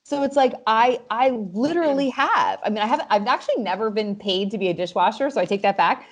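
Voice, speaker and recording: A woman's voice: a little high, a little fast. A woman with a New Jersey accent, a restaurant professional who talks casually as a podcast guest and acts out quotes as she tells stories. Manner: animated storyteller, acts out quotes. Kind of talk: casual chat.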